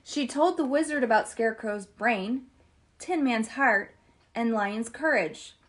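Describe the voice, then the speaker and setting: Woman, children's story host, animated read-aloud, chatty with viewers, fairly high voice. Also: unhurried. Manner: animated and chatty, addresses viewers as "you guys".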